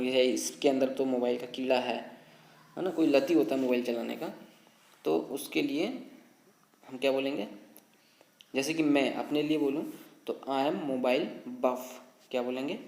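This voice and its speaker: A man from India teaches everyday English phrases in a relaxed, casual way. He repeats each sentence slowly and clearly so learners can follow. His mid-pitched voice rings a little in an echoey room. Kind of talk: casual spoken English lesson.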